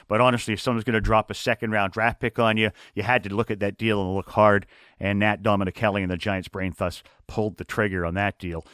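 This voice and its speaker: Fast-talking sports radio host. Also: male voice, lowish voice, fairly bright tone, dry recording, studio quality. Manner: rapid rundown of hockey trades.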